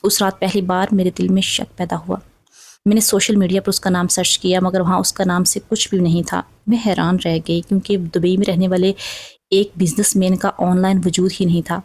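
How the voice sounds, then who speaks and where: A woman's voice: lowish voice, flat delivery, a little mellow. A woman telling an emotional first-person story in a dramatic, sorrowful way. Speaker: narrator.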